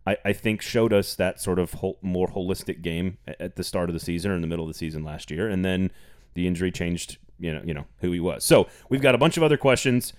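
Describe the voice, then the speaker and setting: A man's voice: sits low, quick pace. A man hosting a sports podcast, talking casually and rambling with frequent restarts. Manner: rambling, repeats words, laughs often. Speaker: podcast host.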